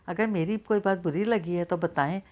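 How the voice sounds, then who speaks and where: A woman's voice: on the low side, muffled recording, lightly acted. A woman reading the lines of a young newlywed wife, pleading and tearful.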